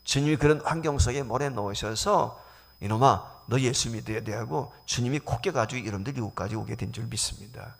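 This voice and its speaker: A middle-aged man, a senior pastor, preaching a sermon to his congregation, swinging between loud exclamations and hushed whispers. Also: medium pitch, fairly quick, creaky. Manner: addresses the congregation directly as "여러분".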